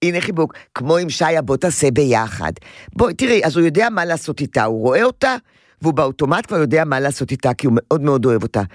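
A woman's voice: low voice, very animated, dry recording, clean studio sound. A woman counseling a mother on parenting, talking emphatically and often repeating her key phrases. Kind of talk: parenting advice session.

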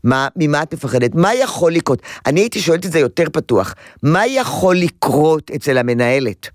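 Lively, high-voiced man giving advice. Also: dry recording, studio quality. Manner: animated, acts out quotes, repeats words for emphasis. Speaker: parenting advisor on a radio call-in. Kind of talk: advice to a caller.

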